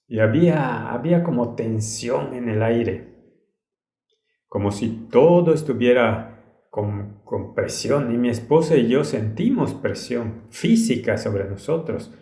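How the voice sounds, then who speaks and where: A man's voice: medium pitch, a little mellow. Earnest male preacher, roomy echo. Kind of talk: sermon, dubbed storytelling.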